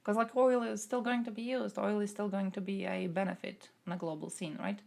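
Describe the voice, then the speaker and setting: A young woman from Croatia chats on a stream, answering viewers' questions on politics. She thinks aloud with plenty of ums, and her mid-pitched voice has a gravelly edge. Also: steady tone, brisk, darkish tone. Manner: thinking aloud with fillers, reads chat questions out. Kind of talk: casual political chat.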